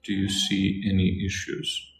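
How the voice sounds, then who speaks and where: A man from Russia, a native Russian speaker, working as a Russian tutor and calmly reading out and answering viewer questions. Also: deep voice. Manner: calm, unhurried explanations. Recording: echoey room, faint noise.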